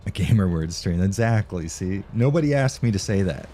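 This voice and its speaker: A man's voice: low-pitched, animated, moderate pace, warm tone, slight background noise. A man streaming a game live, chatting casually with viewers, swearing, rambling and laughing often, tired from no sleep.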